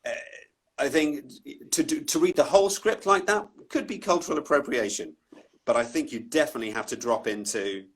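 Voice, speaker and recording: A man with a Southeast English accent, a voice-over artist talking casually in an interview, animated and self-deprecating, with many restarts. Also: fairly high pitch, brisk, slightly rough. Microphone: Instagram live call.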